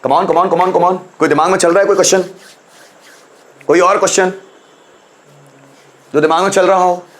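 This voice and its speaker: A young man with a Hindi accent teaching English in a live online class, coaxing students and repeating examples slowly. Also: sits high, fairly even intonation.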